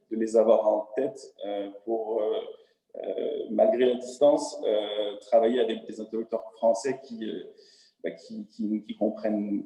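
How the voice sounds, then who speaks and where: A man's voice: lowish voice, dark tone, reverberant, poor audio. A man from France with a French accent, speaking hesitantly with many fillers as a webinar panelist. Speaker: panelist entrepreneur. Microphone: video call.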